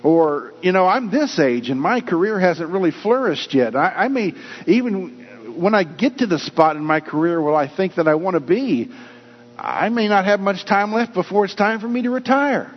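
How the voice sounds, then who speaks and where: Here the pastor's voice is high-pitched and animated, keeping a moderate pace. He reads from scripture during his sermon and dramatizes the doubts people have. Mains hum runs under the dull, lo-fi audio, recorded in a hall with echo.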